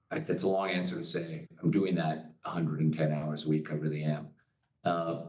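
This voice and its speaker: A middle-aged entrepreneur, appearing as a guest, speaks earnestly in a casual interview, restarting his sentences many times. His voice is very deep with a darkish tone, and the recording is roomy and distant from the mic.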